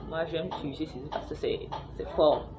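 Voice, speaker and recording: A young woman from Cameroon, vlogging about a home remedy, chats to camera in a low, fairly even voice, halting with fillers and restarts. Her home recording clearly captures background noise from neighbours and children playing outside.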